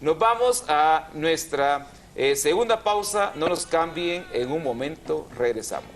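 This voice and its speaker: A male television host teaches spelling and accent rules to viewers in a measured, explanatory way. His voice sits a little high for a man, and he slows down to spell words out syllable by syllable. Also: lively intonation, faint music behind. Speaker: TV language program host. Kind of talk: didactic TV chat.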